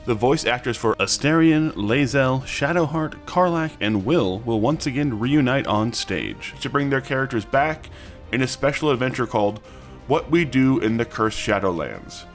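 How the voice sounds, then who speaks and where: Male news host over background music. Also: medium pitch. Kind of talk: scripted news narration. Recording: music bed under the voice.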